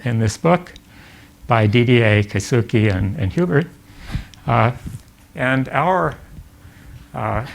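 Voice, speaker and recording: An older man giving a physics lecture at a summer school, halting and full of fillers and restarts. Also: mid-range voice, creaky. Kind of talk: academic lecture. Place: lecture hall.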